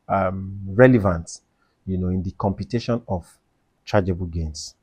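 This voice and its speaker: Male tax explainer, low-pitched, emphatic and repetitive, dry booth-like recording. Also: darkish tone, no room sound. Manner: emphatic, repeats key points, asks and answers own questions. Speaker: tax educator. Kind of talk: explainer video lecture.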